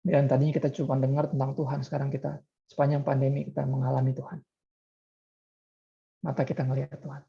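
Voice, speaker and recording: Pastor guy giving a chatty sermon, gravelly low-key voice, kinda dull lo-fi recording. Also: completely flat delivery, quick pace, long pauses. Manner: conversational preaching with frequent rhetorical questions.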